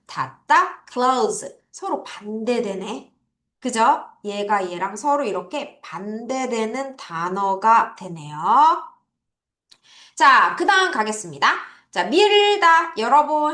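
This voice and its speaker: A woman's voice: high-pitched, sharp tone, roomy sound. A woman teaching English vocabulary to children in a recorded online lesson, drilling pronunciation with repeat-after-me calls.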